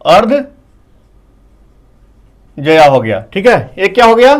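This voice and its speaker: A man gives a whiteboard math lesson at a slow, unhurried pace. His voice sits high for a man. He poses questions to his students and checks in with "okay" after each point. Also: sing-song. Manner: explains slowly, asks the class questions; keeps saying "okay" between points. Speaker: math teacher.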